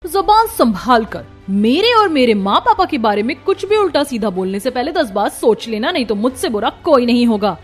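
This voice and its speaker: A woman's voice: a little high, brisk, a little mellow, faint music behind, natural voice. A woman voicing a heavy, outspoken young daughter-in-law in a cartoon story, fiery and defiant. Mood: angry. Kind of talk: cartoon voice acting.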